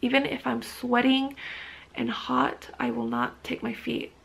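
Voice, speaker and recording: A woman in her thirties talks casually to camera from her living room sofa, rambling with frequent restarts and ums. Her voice sits a little high and carries a heavy gravelly fry. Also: sing-song, measured pace, rough recording. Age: 30s. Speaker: vlogger.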